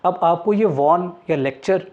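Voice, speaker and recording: In a dull lo-fi recording, a man with a high, darkish voice speaks at a moderate pace. He teaches English vocabulary in Hindi with mnemonics, breaking each point down step by step and answering the questions he raises.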